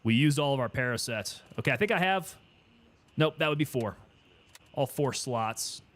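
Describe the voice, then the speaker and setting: This male streamer speaks at medium pitch and a moderate pace, with an expressive, somewhat bright tone. He narrates his gameplay casually, musing aloud and trading remarks with teammates.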